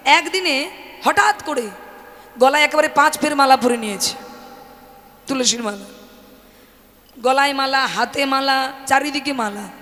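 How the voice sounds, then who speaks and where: A high-voiced woman with a Bengali accent preaches at a village kirtan, teasing and coaxing her listeners between songs. Her tone is bright and ringing, and it echoes through a loudspeaker with devotional music underneath. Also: measured pace, long pauses. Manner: addresses the women in the audience as mothers, joking and coaxing. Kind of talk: devotional kirtan sermon with call-and-response chanting. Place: open-air temple courtyard with a crowd. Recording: distant mic with long reverb and music.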